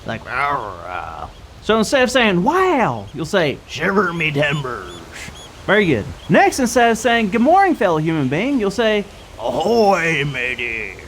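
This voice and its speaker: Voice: mid-range voice, measured pace, a little hiss or hum. Someone playing a goofy pirate-mad kids' show co-host. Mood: playful. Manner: playful, silly, lively. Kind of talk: kids' church show skit.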